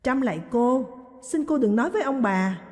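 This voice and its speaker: A woman's voice: a little high, animated, moderate pace, darkish tone, natural voice. A woman voicing a tearful pleading young maid. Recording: long reverb.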